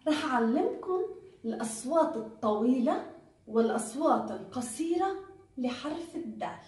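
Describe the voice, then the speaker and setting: High, lively Levantine-accented woman teacher. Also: distant mic. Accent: Levantine Arabic. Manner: slow, drawn-out enunciation of letter sounds; encouraging, praising pupils. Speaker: Arabic teacher. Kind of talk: recorded lesson for young pupils. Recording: echoey room, voice off-mic.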